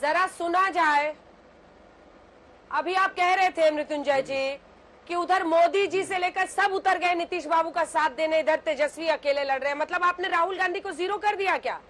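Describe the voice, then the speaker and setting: A woman's voice: very high-pitched, moderate pace, fairly bright tone. A woman anchoring a TV debate, firmly cutting in and directing the speakers. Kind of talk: moderating a TV debate.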